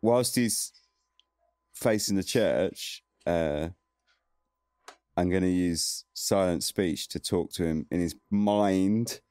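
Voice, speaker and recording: A man's voice: sits low, slow, a little mellow. A man playing a tabletop role-playing game, playful, slipping in and out of his character's voice. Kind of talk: casual tabletop role-play.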